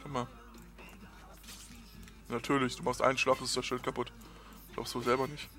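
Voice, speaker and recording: A man's voice: mid-range voice, flat delivery, moderate pace, bright, forceful tone. Gamer guy muttering and swearing at the game, medium voice, faint music behind. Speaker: let's player. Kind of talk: casual gameplay commentary.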